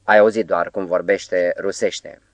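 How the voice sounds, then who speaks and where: A brash young poet, read by a man in an audiobook, blunt, combative and quick to suspect. The voice stays fairly low and is recorded close and dry. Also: flat delivery, no echo. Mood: suspicious. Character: young hot-headed suspicious male poet.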